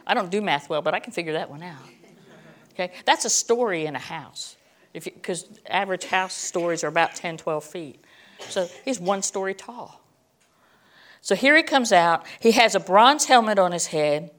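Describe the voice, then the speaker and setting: A woman's voice: fairly low pitch, lively intonation, normal speed, a bit bright. A middle-aged woman teaching a Bible lesson in a chatty sermon style, reading verses and adding joking, self-deprecating asides.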